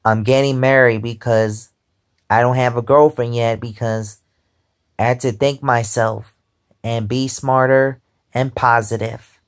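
A man's voice: mid-range voice, fairly even intonation, a little slow. A man of twenty-five chatting casually in a rambling way, often repeating "because, um", while lying in bed at home and filming on a phone held close. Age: 20s. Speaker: vlogger. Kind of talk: casual chat. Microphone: phone held close above face.

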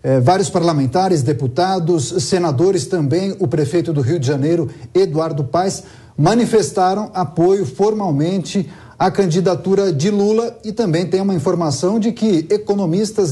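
A young man anchoring a live news show from a TV studio, summarizing quickly before handing off a question. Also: high voice, dark tone.

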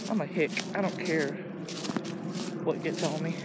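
Walking through the woods with his phone camera, a teenage vlogger from Illinois chats in a slightly high voice at a measured, steady pace. The talk is loose and crude, heavy on "like," and the recording picks up plenty of outdoor noise.

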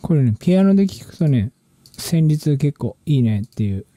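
A man with a very mellow, warm voice sitting slightly high, chatting about his music in a loose, slangy ramble full of restarts. The sound is dry and close, with no room around it. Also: moderate pace, no room sound. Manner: relaxed, rambling, slangy speech with many restarts. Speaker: musician and channel host. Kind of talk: casual talk about music production.

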